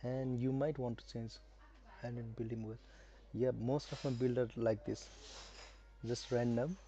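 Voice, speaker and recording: A male live streamer with a Nepali accent gives casual gaming commentary in a dark, mellow, mid-pitched voice with a steady tone. He talks to viewers haltingly, thinking aloud, over lo-fi sound and soft background music.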